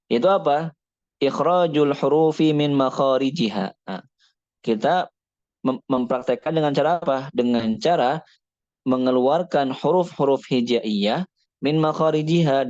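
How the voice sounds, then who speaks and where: A man of middle pitch teaching a Quran recitation lesson, reciting Arabic passages between his explanations. He asks questions and then answers them himself. The sound is dry and a little dull, like a lo-fi recording. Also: a little mellow, no room sound. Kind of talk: kitab study lesson.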